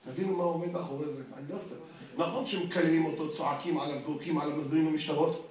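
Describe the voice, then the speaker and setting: A man with a high voice lectures parents, and he keeps firing rhetorical questions at them. He sounds far from the mic, and the sound rings around a very echoey hall. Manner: lively, fires rhetorical questions at the audience.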